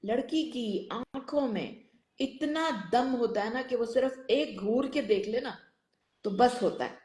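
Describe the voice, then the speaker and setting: A woman hosts a live online chat, speaking slowly and warmly encouraging her guests. Her voice sits a little high and rings with room echo. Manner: encouraging, mixes English phrases into Hindi. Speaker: host of a live online show.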